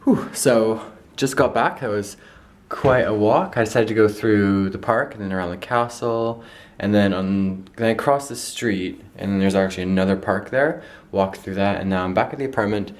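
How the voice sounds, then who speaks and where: A young Canadian travel vlogger talks casually to a handheld camera, rambling and correcting himself as he thinks aloud. His voice is on the low side and moderately paced, and the casual vlog moves between an outdoor park and indoor spaces.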